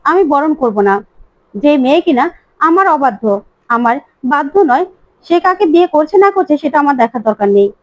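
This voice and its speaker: A woman's voice: high voice, expressive, brisk, long pauses, dry recording, lo-fi sound. A woman voicing a stern, hurt middle-aged mother scolding her grown daughter. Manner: scolding, bitter.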